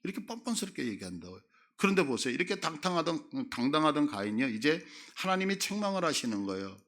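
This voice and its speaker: Middle-aged male pastor preaching; lively, dramatizes quoted speech. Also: fairly high pitch, quick pace. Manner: acts out Bible figures' words with a big rise in voice. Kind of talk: sermon.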